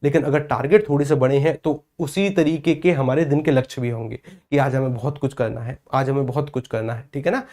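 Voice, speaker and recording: A man's voice: mid-range voice, a little fast, darkish tone. A man teaching an exam-prep class, who asks his own questions, answers them, and repeats the key terms. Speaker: Hindi teacher.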